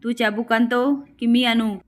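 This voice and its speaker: A woman's voice: a little high, fairly even intonation, measured pace, lightly acted. A woman reading the lines of a stern elderly grandmother who rules the family and gives harsh orders.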